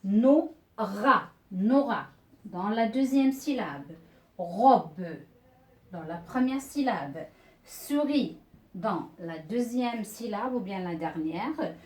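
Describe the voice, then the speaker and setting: A woman's voice: mid-range voice, darkish tone, recorded from a distance. A woman teacher giving a beginners' reading lesson, patiently repeating words and syllables one by one. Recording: echoey room, voice off-mic.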